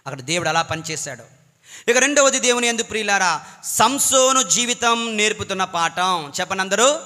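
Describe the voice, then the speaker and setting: A male preacher delivering a sermon with dramatic, rising refrains and repeated phrases. His voice sits high and bright, with a long reverb trailing each line. He often calls on the listeners to answer him back. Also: animated, moderate pace.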